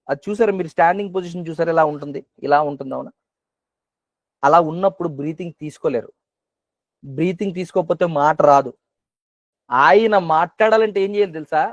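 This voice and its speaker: A man's voice: on the high side, no echo, dull audio. A man preaching a sermon at an online prayer meeting who keeps asking questions and repeating phrases for emphasis. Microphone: video call.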